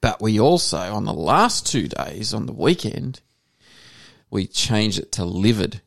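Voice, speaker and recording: Aussie male co-host, gravelly, lively pitch, crude comic riffing. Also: unhurried, dry recording, clean studio sound. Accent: Australian. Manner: joking, rambling pitches with crude humour. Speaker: podcast co-host. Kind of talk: casual banter.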